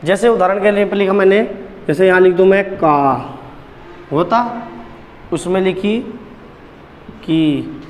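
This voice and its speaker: A man's voice: high-pitched, slow pace, long pauses, long reverb tail, slight background noise. A man teaching Hindi grammar at a board, repeating key points and quizzing the class with questions. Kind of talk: blackboard lesson.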